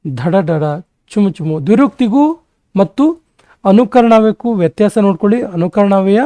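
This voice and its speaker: A male exam-prep teacher giving a grammar lesson, briskly rattling off word lists. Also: high voice, lively intonation, mellow, no echo.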